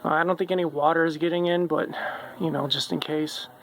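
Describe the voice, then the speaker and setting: Man, casual DIY vlogger, flat delivery, slightly raised pitch, dry close sound, hoarse edge, swears casually. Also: fairly quick. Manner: relaxed, rambling, lots of ums and uhs, swears casually. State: losing his voice. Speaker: homeowner vlogger. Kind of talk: casual home-repair vlog narration.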